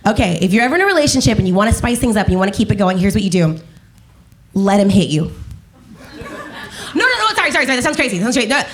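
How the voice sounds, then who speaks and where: A twenty-something woman does a stand-up set at a comedy club, acting out others' voices with lots of animation. Her medium-pitched voice moves very fast, though she pauses often.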